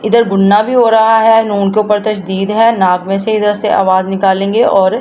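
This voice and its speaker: A woman leads a Quran recitation lesson in a middle-pitched voice. She draws each phrase out slowly and repeats it, then explains the rules in a plain, patient way. A faint hiss of background noise sits under her voice. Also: level tone, a little mellow. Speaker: Quran teacher.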